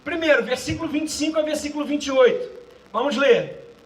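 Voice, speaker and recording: A man pastor preaching a sermon in a cinema hall, swinging between shouted lines and quiet asides. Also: very high-pitched, brisk, recorded from a distance. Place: cinema auditorium used for a church service.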